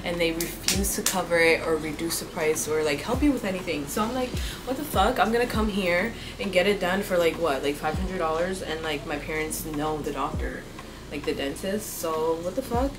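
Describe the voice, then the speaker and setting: A woman's voice: lowish voice, normal speed, background noise. A young woman vlogging to camera in casual chat, blunt, swearing freely and padding her talk with fillers. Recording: music playing behind the voice.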